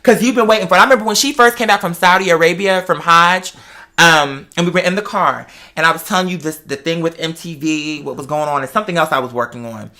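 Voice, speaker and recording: Here the American talk show host sounds fast, pushed and bright, with a mid-range voice. The adult chats casually about personal matters and tells stories, leaning on emphasis and repeated phrases.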